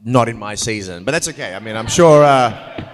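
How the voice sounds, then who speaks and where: A man's voice: on the low side, expressive, moderate pace, crowd noise. A man hosting a convention panel off the cuff, jokey and rambling, recorded in an echoey hall. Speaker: panel host and fellow actor. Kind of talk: unscripted convention panel moderating. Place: large indoor convention panel room. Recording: echoey hall, faint noise.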